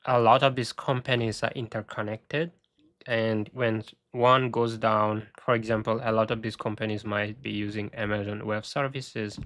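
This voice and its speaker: Slow, low-voiced man thinking aloud. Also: a bit bright, dry recording. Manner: halting, thinking aloud with restarts. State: losing his voice. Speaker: tech video host. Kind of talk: casual screen-share walkthrough.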